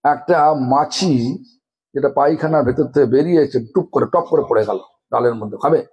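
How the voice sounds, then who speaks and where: A man's voice: fairly high pitch, fairly quick, husky, muffled recording. A man with a Bengali accent giving a scolding sermon, asking the audience one rhetorical question after another. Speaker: guru giving a religious discourse.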